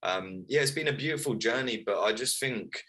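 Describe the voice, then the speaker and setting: Bright-voiced thirty-year-old man. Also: medium pitch, animated, moderate pace, rough recording. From Wales, raised in London. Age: 30s. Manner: earnest, reflective storytelling. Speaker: author guest. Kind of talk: casual interview chat.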